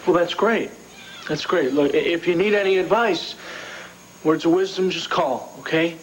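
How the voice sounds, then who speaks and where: An actor playing a kind but awkward man who offers support haltingly in a soap opera. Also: a little high, lightly acted, low-quality recording. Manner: hesitant, halting.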